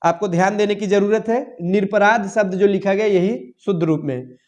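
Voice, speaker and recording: A man's voice: high-pitched, normal speed, a little mellow, dull audio. A young man teaching, working through exam questions and answering his own questions aloud. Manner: addresses listeners as "saathiyon", asks and answers his own questions. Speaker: Hindi exam tutor. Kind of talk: explaining quiz answers.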